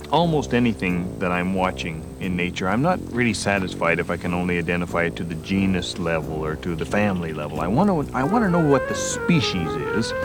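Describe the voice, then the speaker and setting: Nature-show host, male, chatty and playful, very expressive pitch, music underneath. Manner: animated, playful, talks straight to the viewer. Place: outdoors at a campsite by a lake.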